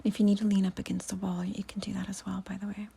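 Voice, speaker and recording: A woman teaching yoga breathing and meditation in a soft, husky, near-whispered voice, giving unhurried instructions. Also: medium pitch, level tone.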